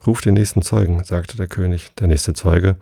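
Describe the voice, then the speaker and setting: A man reading a children's classic aloud in plain, even storytelling, recorded close and dry. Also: deep voice, moderate pace, creaky, no echo. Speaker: audiobook reader.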